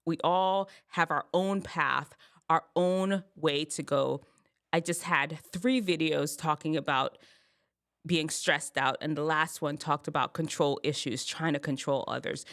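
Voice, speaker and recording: A woman hosting an advice show, telling a personal story in a casual, expressive way. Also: low-pitched, a little slow. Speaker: host giving advice to teens.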